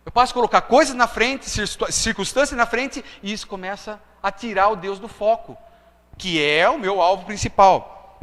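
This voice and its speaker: A man's voice: sits high, pushed and bright, big-room sound. A man preaching a testimony sermon, chatty and full of tag questions. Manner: conversational, frequent tag questions.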